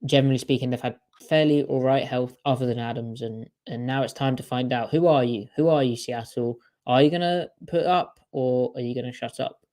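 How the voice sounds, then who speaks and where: A man's voice: medium pitch, a little fast, few pauses, darkish tone. A man co-hosting a podcast in casual sports chat, talking in a chatty way with strings of rhetorical questions. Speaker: podcast co-host.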